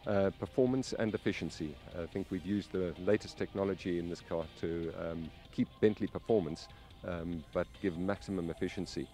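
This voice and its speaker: A man engineer answering interview questions outdoors at a race track, measured and hesitant. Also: low-pitched, mellow, soft background music. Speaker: automotive engineer.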